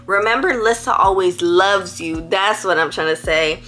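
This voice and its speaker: A woman's voice: on the low side, normal speed, a bit bright, faint music behind. A teenage girl, giving school advice in a rambling, playful, chatty vlog. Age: teens. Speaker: vlogger.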